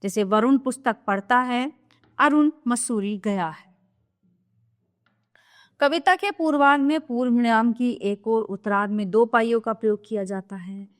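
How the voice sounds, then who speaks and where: A woman teacher giving a scripted grammar lesson to children, explaining clearly and steadily. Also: on the high side, measured pace.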